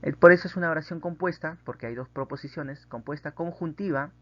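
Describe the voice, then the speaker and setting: A man's voice: fairly high pitch, a little fast, lo-fi sound. A man teaching a grammar lesson, patiently explaining and often checking in with the class through tag questions.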